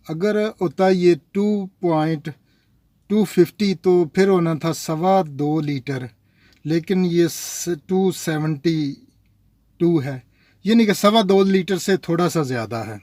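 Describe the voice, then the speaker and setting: Recorded dry at studio quality, this slightly high, warm male voice belongs to a Pakistani vlogger. He talks in a chatty, rambling way straight to his audience, calling them "nazreen."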